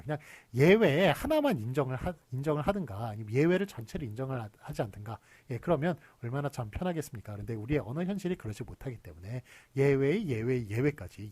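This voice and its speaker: Middle-aged male lecturer, slightly husky, animated delivery, dry recording, patient step-by-step explainer. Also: medium pitch, dry recording. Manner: explains rules step by step with frequent "예" fillers. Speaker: university lecturer.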